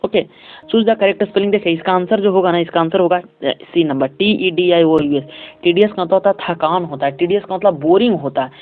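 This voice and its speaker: A male English teacher walking students through an exam paper step by step, reading English sentences slowly and often checking in with his class. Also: high-pitched. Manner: reads English sentences slowly, then explains them. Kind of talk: exam paper walkthrough lesson. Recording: tinny phone-like audio.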